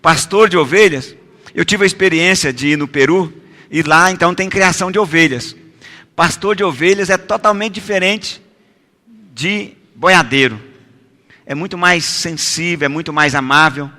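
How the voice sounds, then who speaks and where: A man preaching a sermon as pastor, calling for responses and building to loud, emphatic repeated declarations. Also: a little high, normal speed. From Goiás, Brazil. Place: church. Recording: reverberant church hall.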